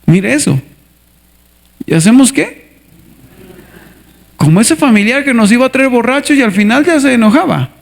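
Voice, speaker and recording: A man preaching a sermon as a pastor, animated, acting out little scenes and asking the congregation to answer back. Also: very high voice, moderate pace, vocal fry, long pauses. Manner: animated, asks the congregation for responses; acts out scenes with character voices. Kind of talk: lively sermon with acted skits.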